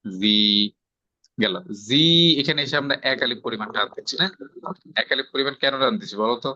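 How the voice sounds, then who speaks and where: A man's voice: mid-range voice, brisk, bright, forceful tone, no room sound. A man with a Bangladeshi Bengali accent teaching Quran recitation rules, explaining step by step and quizzing his student with questions. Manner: explains step by step, checks for understanding with rhetorical questions. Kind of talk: patient tajweed lesson, quizzing a student. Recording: slightly dull, dry lo-fi sound.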